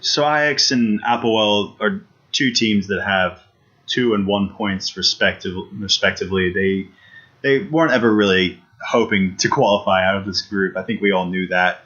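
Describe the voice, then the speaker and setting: A man's voice: fairly low pitch, normal speed, a bit bright. A man co-hosting a casual football podcast, talking eagerly with many restarts and repeated points. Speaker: podcast co-host. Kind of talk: casual sports chat. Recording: dull lo-fi podcast audio.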